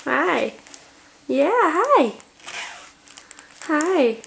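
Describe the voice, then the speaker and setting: A woman talking softly to her baby as a parent, in slow, cooing, encouraging baby talk. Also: high voice, big pitch swings, creaky, slight background noise.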